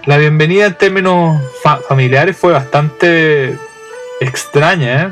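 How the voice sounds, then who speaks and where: Chatty Chilean man, slightly high voice. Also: measured pace, fairly bright tone, soft background music. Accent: Chilean Spanish. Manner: chatty and humorous, frequent restarts and fillers. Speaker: podcast host. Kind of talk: casual storytelling monologue.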